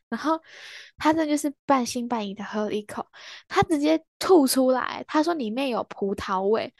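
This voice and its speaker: Young woman, rapid teasing chatter, fairly high voice, dry close mic. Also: a little mellow, no room sound. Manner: playful, teasing, quick storytelling. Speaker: podcast host. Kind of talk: casual chat.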